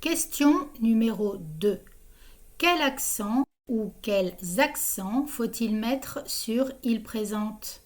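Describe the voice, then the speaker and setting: Woman, quiz host, scripted narration, slow even reading, slightly high voice. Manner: slow, even reading of questions and answer options.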